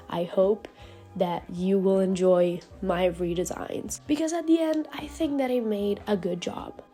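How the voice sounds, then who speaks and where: A young woman with a nasal voice from a cold, chatting casually and swearing a lot in a voiceover about her art. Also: mid-range voice. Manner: candid, swears often, rambling and animated. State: sick, nasal voice. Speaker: YouTube artist narrating a speedpaint. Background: faint background music.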